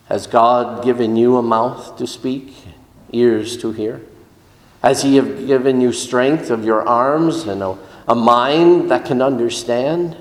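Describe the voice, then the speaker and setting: A man's voice: medium pitch, slow, echoey room, in a large hall. A male pastor preaching a sermon with emphatic, repetitive exhortation.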